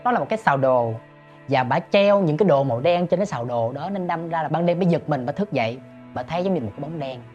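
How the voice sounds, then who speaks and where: A man telling a ghost story, dropping to hushed murmurs and jumping to sudden shouts, talking straight to his listeners. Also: a little high, lively intonation, fast, muffled recording, faint music behind. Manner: addresses listeners directly.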